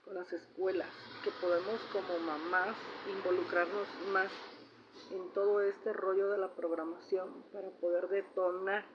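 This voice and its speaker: A middle-aged Mexican-accented woman speaks a little slowly in a lowish, flat voice while sharing a family story in a casual personal vlog. Chatty as she is, she often tags her sentences with a questioning "¿no?", and the recording comes across slightly dull with faint noise.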